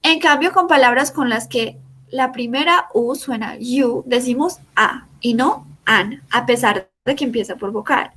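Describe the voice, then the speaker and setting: A woman's voice: fairly high pitch, unhurried, a bit bright, slight background noise. A woman teaching a class online through a video call, explaining patiently step by step and repeating examples. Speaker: English teacher.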